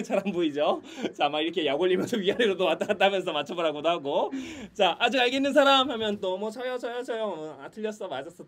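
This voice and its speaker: A man whose voice sits on the high side leads teachers through a children's Sunday school lesson and quiz games on a video call, with a slight hiss or hum from his computer mic. As the curriculum presenter in this online training, he laughs a lot and teases in a playful game voice.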